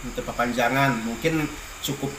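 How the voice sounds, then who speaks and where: A man's voice: medium pitch, moderate pace, a bit bright, a little hiss or hum, lightly acted. A man voicing a pious older uncle in a puppet comedy, moralizing and handing out blessings and advice. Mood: lecturing. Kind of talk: Sundanese puppet-show comedy. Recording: echoey room, faint ambience.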